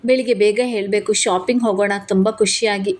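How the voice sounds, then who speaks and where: A woman voicing a gentle, patient young husband who speaks in a soothing, coaxing way. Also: medium pitch, fairly even intonation, brisk, lightly acted.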